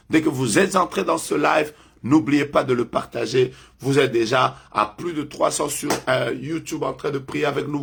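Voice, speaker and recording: A French-speaking man acting as a prophet leads a prayer live online, his husky, medium-pitched voice carrying vocal fry. He repeats emphatic declarations that suddenly surge in volume.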